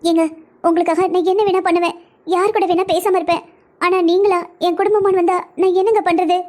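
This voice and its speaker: Very high, fast woman in cartoon drama. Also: steady tone, darkish tone. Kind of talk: Tamil cartoon voice acting.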